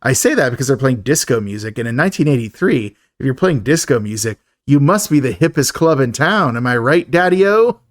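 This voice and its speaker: A man's voice: medium pitch, lively intonation, brisk, hardly any pauses, dry recording, studio quality. A man co-hosting a podcast, recapping a film in a chatty, joking way and laughing often. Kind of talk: casual chat.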